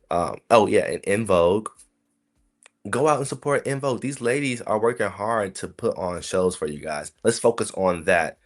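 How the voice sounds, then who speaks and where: Deep-voiced man chatting on a podcast. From South Carolina, USA. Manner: chatty, rambling, frequent asides to listeners. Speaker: podcast host. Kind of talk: casual solo podcast commentary.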